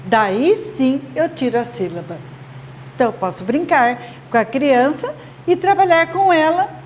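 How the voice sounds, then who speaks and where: Woman teacher, high-pitched, slow and patient, addressing parents over a faint noise floor. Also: lively intonation. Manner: patient, explains slowly with rhetorical checks. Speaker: literacy teacher. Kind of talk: instructional video talk to parents.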